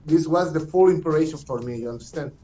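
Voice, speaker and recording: A Chilean man, a native Spanish speaker, answering interview questions in halting second-language English, often repeating words and checking "you understand?". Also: on the high side, warm tone, soft background music, poor audio. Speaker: guest, [name] tribute performer.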